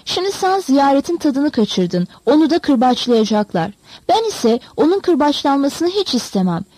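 A woman's voice: sits high, very animated, measured pace, a little mellow, dry recording, rough recording. A woman voicing an upset, fiery young girl in a storybook reading, scolding a boy. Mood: reproachful. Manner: scolding, reproachful.

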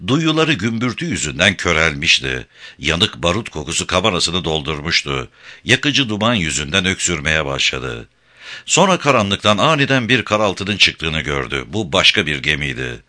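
A man reads an adventure audiobook in a measured, expressive way. His voice sits very low yet sounds sharply bright, and his pitch moves in lively swings. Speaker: audiobook narrator. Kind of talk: dramatic audiobook narration.

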